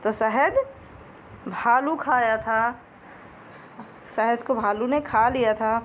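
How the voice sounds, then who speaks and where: A patient woman teaches young children a Hindi lesson online, repeating each word and chanting the rhyme slowly. Her voice sits a little high. A faint hiss runs under the recording. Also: fairly bright tone. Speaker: primary school teacher.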